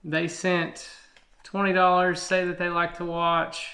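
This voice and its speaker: A middle-aged American father co-hosting a family channel chats casually with viewers in a plainspoken, folksy way. His voice sits high and is monotone, a little slow, and sharp. The home recording sounds echoey and roomy.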